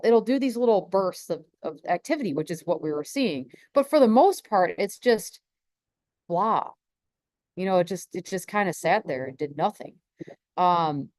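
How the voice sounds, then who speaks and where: A woman's voice: mid-range voice, darkish tone, no room sound. Rambling woman space weather host. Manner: rambling, many restarts and laughs. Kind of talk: casual live stream chat.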